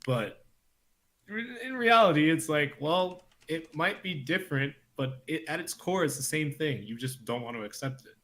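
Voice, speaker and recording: A man's voice: fairly high pitch, animated, normal speed, fairly bright tone. Rambling man on a gaming podcast. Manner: rambling, lots of "like" fillers. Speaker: podcast co-host. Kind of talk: casual gaming podcast chat.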